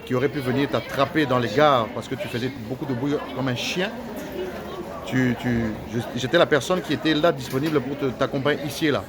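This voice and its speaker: Speaking in a mid-range voice, a native Lingala speaker launches into an accusatory, preachy, heated rant. It's marked by many hesitations and repeated phrases.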